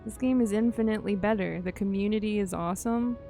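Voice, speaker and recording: A woman chats casually while streaming a game, thinking out loud and often letting her sentences trail off. Her voice is medium-pitched, creaky and dark, and she talks quickly. Game music plays behind her.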